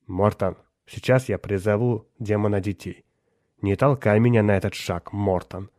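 A stern, irritable father, voiced by a male narrator, barks out gruff commands in a low voice. The audiobook recording is dry and close. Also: fairly even intonation, moderate pace, darkish tone, no room sound, close to an everyday voice. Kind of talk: audiobook character voice.

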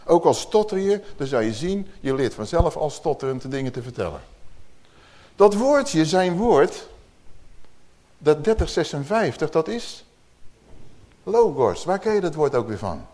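A man preaches to a congregation in a chatty, teaching way, often turning to his listeners with questions. His voice sits somewhat high and moves animatedly through a wide range of pitch. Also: sing-song, a little slow, pauses often, mellow. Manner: conversational teaching with rhetorical questions. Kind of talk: sermon.

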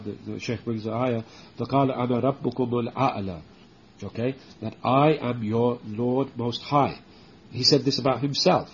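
A man teaching a religious book lesson, explaining slowly with many restarts and checking in with "okay?", and reciting Arabic verses quickly. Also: mid-range voice, darkish tone, highs cut off, a little hiss or hum. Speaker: Islamic teacher.

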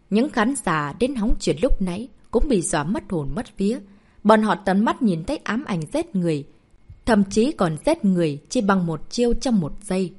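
A woman reads a martial arts novel aloud as an audiobook narrator. Her narration is expressive, and her pitch moves freely up and down to build the drama.

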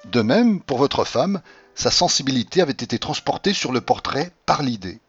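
Man doing a calm, persuasive old-time doctor. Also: mid-range voice, normal speed, slightly rough, no echo, lo-fi sound, soft background music. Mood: explaining. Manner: patient, explanatory lecturing. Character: earnest male doctor, calmly convincing.

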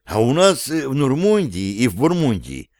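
A man's voice: medium pitch, very animated, moderate pace, darkish tone, no echo, clean studio sound. A man voicing a touchy, defensive male circus performer in an audiobook. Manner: pleading, defensive.

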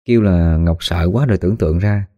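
A man narrating a spooky story in a folksy, animated way, acting out the voices of the people in it. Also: deep voice, a little fast, no room sound, studio quality. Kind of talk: spoken ghost story narration.

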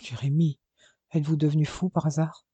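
A man's voice: a little high, little pitch movement, fairly quick, dark tone, breathy edge, no echo. A man reading aloud as a grieving, exhausted young woman who speaks wearily. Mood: weary.

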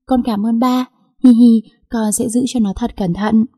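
A woman's voice: a little high, fairly even intonation, moderate pace, warm tone, slightly rough. A woman voicing a sweet, affectionate ten-year-old girl in a storybook reading, with an eager, childlike manner. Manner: eager, tearful when frightened.

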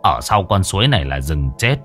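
A man voicing a worried, gruff older mountain shaman who talks low and wearily. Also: expressive, a little slow, sharp tone, soft background music, full character voice. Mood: ominous.

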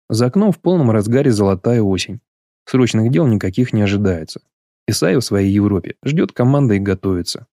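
Dark-voiced male audiobook narrator. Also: lowish voice, dry recording, studio quality. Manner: even, measured reading. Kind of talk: scripted narration.

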